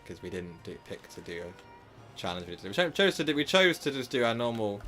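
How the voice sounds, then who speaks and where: Sitting low with a sharp tone, this man's voice is a little hoarse from a sore throat. He rambles through live commentary on his gameplay stream, packing in filler words and self-corrections.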